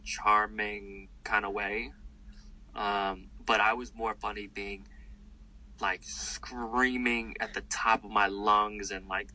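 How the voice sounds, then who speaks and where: Bright-voiced comedian talking loosely. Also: male voice, fairly low pitch, rough recording. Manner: rambling and animated, with many fillers. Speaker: comedian guest. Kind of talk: casual interview talk.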